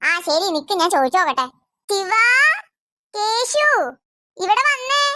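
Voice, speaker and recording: A woman's voice: very high-pitched, big pitch swings, a little slow, bright, forceful tone, exaggerated voice. A woman voicing an exasperated mother in a family cartoon who scolds her children. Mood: scolding. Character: scolding harried cartoon mother of several kids.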